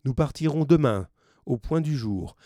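A man's voice: mid-range voice, animated, moderate pace, dark tone, dry recording, studio quality, voice pushed up, close to an everyday voice. A man playing a hearty old sea captain. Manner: hearty, commanding. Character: old sea captain around sixty, sturdy and kind.

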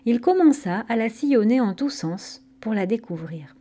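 A woman narrating a scripted myth story in a calm, gentle storytelling manner. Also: a little high, moderate pace.

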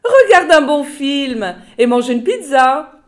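A woman's voice: sits high, sing-song, takes it slowly, voice pushed up, heavily acted. A woman putting on a gushing sing-song secretary. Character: gossipy fussy woman secretary.

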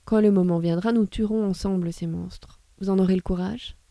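A woman's voice: medium pitch, fairly even intonation, moderate pace, mellow, dry recording, lightly acted. A woman voicing a grown man who coaxes children in a storybook. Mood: coaxing.

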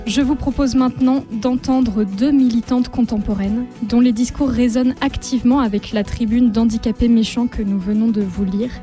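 A woman's voice: on the high side, steady tone, moderate pace, few pauses, dark tone, soft background music. A woman presenting on radio, giving a scripted introduction.

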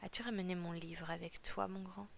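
A woman voicing a gentle fisherman who speaks softly and fondly in a storybook reading. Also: lowish voice, steady tone, brisk, vocal fry, slight background noise.

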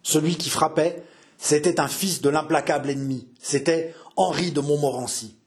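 A man's voice: on the high side, moderate pace. A man reading a historical novel aloud with theatrical, emphatic narration. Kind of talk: dramatic audiobook narration.

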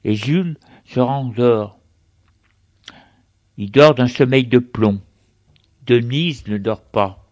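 A man reading a story aloud in a slow, deliberate way. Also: medium pitch. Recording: steady background noise.

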